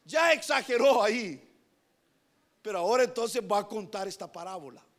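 A man preaching a sermon, moving between hushed passages and emphatic repetition, often addressing his listeners as brothers. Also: sits high, moderate pace. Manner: animated, swings from hushed to emphatic, repeats "hermanos".

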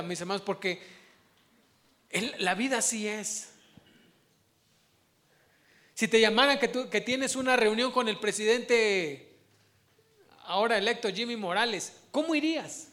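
Guy preaching, high voice, keeps asking the church questions. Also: normal speed, pauses often. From Mexico. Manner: animated, asks the congregation questions. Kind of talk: sermon.

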